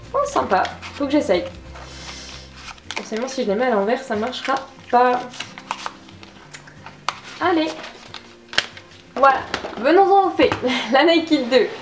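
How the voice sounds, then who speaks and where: A woman with a slightly high voice chats enthusiastically while reviewing makeup, poking fun at herself along the way. The room is echoey, and faint music plays in the background. Her tone is casual and excitable. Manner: chatty, enthusiastic, self-deprecating. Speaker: beauty vlogger.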